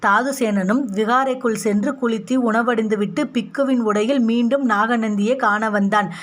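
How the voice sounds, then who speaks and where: A woman storyteller reading a historical novel aloud in a steady, plain manner. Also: on the high side, normal speed.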